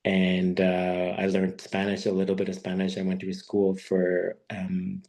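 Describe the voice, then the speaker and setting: Deep, flat-voiced man telling his story. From born in Peru, raised in Quebec, Canada. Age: 30s. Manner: halting, unhurried storytelling. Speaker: guest speaker. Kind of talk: personal talk on an online webinar. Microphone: video call.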